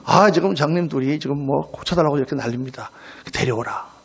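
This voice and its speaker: A pastor acting out Jesus as a calm, solemn teacher who speaks slowly and gravely. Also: male voice, a little high, voice pushed down. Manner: slow, grave, measured.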